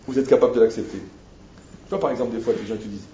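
A man teaches an informal Torah lesson, talking straight to his listeners. He keeps it animated and leans on rhetorical questions. The recording is echoey and dull, with a faint hiss behind him. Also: mid-range voice, fast talker.

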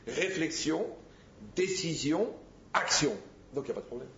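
A man, a rabbi, giving a lively spoken teaching, telling stories and acting out the dialogues in a direct, teasing way. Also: on the high side, moderate pace, a little hiss or hum. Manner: animated storyteller, acts out dialogues, direct and teasing. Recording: echoey muffled room recording.

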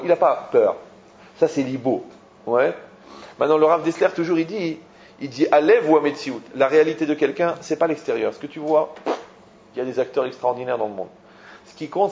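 A man teaching a Torah lesson as a rabbi, animated and full of rhetorical questions, often repeating himself. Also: medium pitch. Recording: dull lo-fi recording.

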